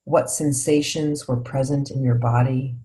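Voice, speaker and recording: A woman with a low-pitched voice leads a parenting workshop. She teaches in a reflective, conversational way and keeps checking in with "right?". She walks her listeners through guiding questions. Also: steady tone, measured pace, warm tone. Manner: reflective, tags points with "right?". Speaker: parenting coach leading a workshop.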